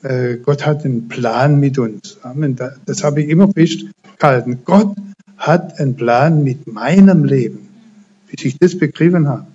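A man preaching a sermon and praying aloud, halting, with many fillers and restarts, then rising to fervent emphasis, on a dull lo-fi recording. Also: medium pitch, dark tone, breathy edge.

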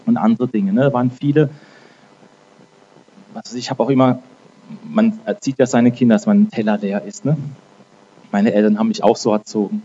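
Man preaching casually, dark voice. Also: on the low side, steady tone, brisk, long pauses, dull audio, slight background noise. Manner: conversational, frequent "ne?" tags; repeats and restarts words. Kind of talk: informal sermon with prayer.

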